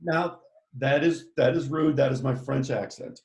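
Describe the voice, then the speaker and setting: A cheerful man of middle pitch leads a children's art class. He chats along as he works and guides the students step by step. His voice echoes in a reverberant room. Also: fairly even intonation, measured pace, darkish tone. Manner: enthusiastic, chatty, directs students step by step. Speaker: art teacher.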